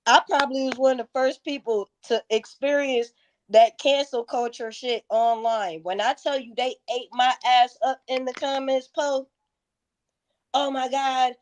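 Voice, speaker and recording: A woman in her thirties, a guest in a casual interview, telling stories bluntly with plenty of profanity. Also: high-pitched. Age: 30s.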